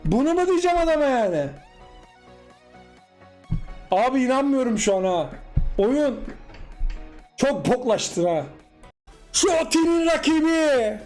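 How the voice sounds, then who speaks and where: A man with a Turkish accent giving excited, animated commentary while playing a football video game, repeating short cries at the screen. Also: very high-pitched, unhurried, long pauses, faint music behind. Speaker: gaming YouTuber. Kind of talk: excited live gameplay commentary.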